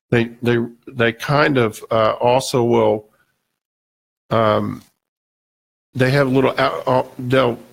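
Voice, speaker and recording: A man's voice: medium pitch, creaky. A male radio show host talking casually and rambling, with many restarts and fillers, his voice a bit scratchy. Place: radio studio.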